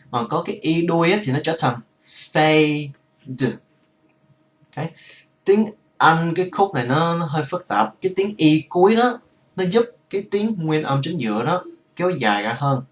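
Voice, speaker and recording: A man's voice: fairly high pitch, distant mic. A man teaching English pronunciation, reading word lists one word at a time and explaining the vowel sounds. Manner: explains in Vietnamese, quoting English words.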